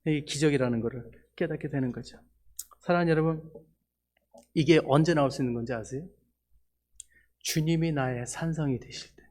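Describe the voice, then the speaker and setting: A middle-aged man preaching in a church, giving a personal testimony that moves from soft, hushed prayer to loud, almost tearful excitement. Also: fairly high pitch, a little fast, long pauses. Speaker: missionary preacher. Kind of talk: sermon testimony.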